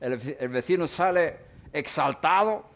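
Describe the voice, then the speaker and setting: A middle-aged man teaching a sermon-style Bible lesson, speaking deliberately and pausing to define and repeat key words. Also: a little high, lively intonation, fairly bright tone.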